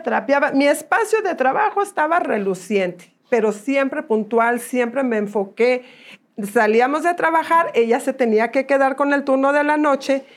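A middle-aged woman from Mexico with a Mexican accent, a guest telling her life story in an animated, conversational way. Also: sits high. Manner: animated, acts out quoted voices. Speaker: interview guest.

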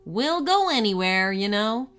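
A woman's voice: mid-range voice, sing-song, measured pace, a bit bright, faint music behind. A woman voicing a curious, chatty female cat in a storybook reading, with a matter-of-fact, slightly cheeky manner. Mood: wry.

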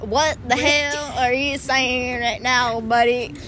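A teenage girl putting on a slow, drawling country-style old woman's voice, in a noisy recording. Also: high-pitched, expressive, exaggerated voice. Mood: mock folksy. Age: teens.

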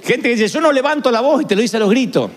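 A man's voice: extremely high pitch, lively intonation, fast talker, background noise. A male pastor preaching a sermon, acting out the words of the people he quotes. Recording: echoey hall with long reverb.

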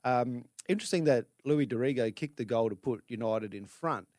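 An Australian male sports radio co-host with a medium-pitched voice. He talks casually and haltingly, doubling back on words, in a dry studio recording. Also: darkish tone, no room sound. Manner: halting, repeats words as he goes. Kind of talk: casual sports chat and opinion.

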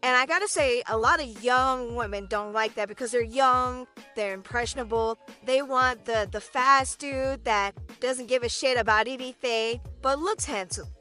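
Podcast co-host, woman, high and bright voice, chatty with many repeated words. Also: moderate pace, few pauses, soft background music. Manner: chatty, repeats words, keeps asking "right?". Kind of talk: casual chat.

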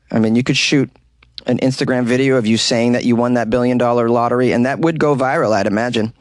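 A man's voice: mid-range voice, no room sound. Guy doing a funny news podcast from a closet, super dry sound, wry and rambly, pokes fun at himself. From New England. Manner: rambling, self-deprecating, wry. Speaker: podcast host. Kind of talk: casual comedic commentary on odd news. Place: small hot closet.

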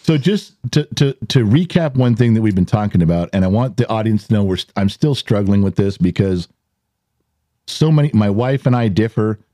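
A man's voice: lowish voice, expressive, brisk, warm tone, no echo, studio quality. A middle-aged man hosting a casual podcast in a rambling, self-deprecating way, with audible heavy breathing and huffing between phrases. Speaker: podcast host.

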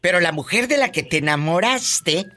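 On her call-in radio program, a middle-aged woman with a Mexican accent teases her callers affectionately. Her voice is bright, crisp, and expressive, its pitch moving up and down freely with her reactions, and she keeps a moderate pace.

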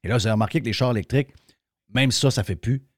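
A man's voice: mid-range voice, racing, dry recording, clean studio sound. A man with a Québécois French accent hosting a radio show, talking in a colloquial, emphatic way straight to his listeners. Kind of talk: opinionated talk radio monologue and sponsor reads.

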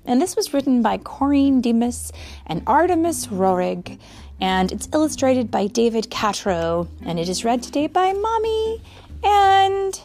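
A mother reading a picture book aloud to her children, animated, dropping into whispered asides and asking them questions. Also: high-pitched, unhurried.

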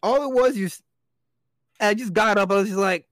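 A man's voice: high voice, brisk, a bit bright, no room sound, studio quality. A young man co-hosting a casual podcast chat, telling rambling stories with lots of swearing and laughter. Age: young adult. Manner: rambling storyteller, swears a lot, laughs often. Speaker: podcast co-host.

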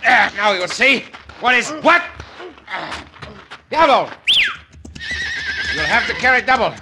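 An actor playing a dashing, courteous Mexican cowboy hero with a Mexican accent in an old-time radio western, theatrical and commanding. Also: male voice, high voice, big pitch swings, slow pace, exaggerated voice. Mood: urging, fierce. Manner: theatrical, commanding, formal phrasing. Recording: noisy vintage radio drama recording.

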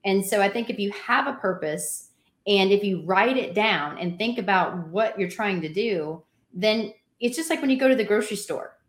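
A woman's voice: medium pitch, normal speed. Upbeat woman coaching about workouts, chatty, bit of room echo. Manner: energetic, advice-giving, laughs often. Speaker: fitness trainer guest. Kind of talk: casual podcast chat.

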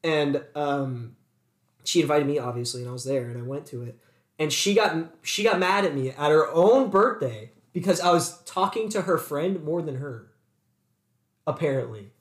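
A man's voice: on the high side, moderate pace. A young man co-hosting a podcast, telling a story in casual chat and acting out both sides of an argument. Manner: animated storytelling, acts out both sides of quarrels. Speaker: podcast co-host. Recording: echoey room.

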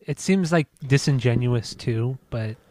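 A podcast co-host chats casually with his friend, joking, swearing and bantering in a laid-back way. His voice sits at medium pitch, with a darkish tone and a slightly slow pace.

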